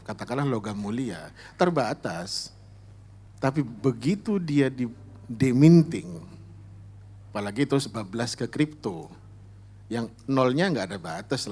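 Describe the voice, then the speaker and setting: A man's voice: mid-range voice, darkish tone. A man giving an emphatic, discursive religious talk at a public forum, dropping English terms into his lecture. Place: live forum event.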